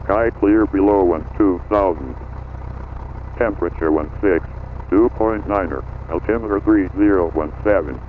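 A man reading a recorded airport weather broadcast over aircraft radio, in clipped, even, formal phrasing. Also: low voice, moderate pace. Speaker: recorded airport information announcer. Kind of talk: steady read-out of weather and runway data. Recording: tinny aircraft radio with faint noise.

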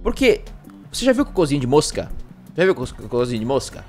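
A man's voice: medium pitch, very animated, fast, soft background music. A man with a Brazilian accent chatting casually on a gaming livestream, rambling and joking at himself. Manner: rambling, jokey, self-mocking.

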